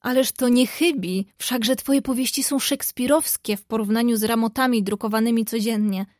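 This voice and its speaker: A woman's voice: a little high, steady tone, moderate pace, a little mellow, no echo, natural voice. A woman voicing a playful, teasing young man in a read-aloud story, speaking lightly to a close friend.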